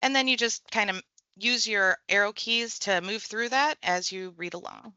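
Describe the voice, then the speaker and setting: In a casual, conversational screen-share tutorial, a female tech trainer explains software one click at a time at a moderate pace. She has a bright, forceful, mid-range voice, and the recording is dry and a bit dull.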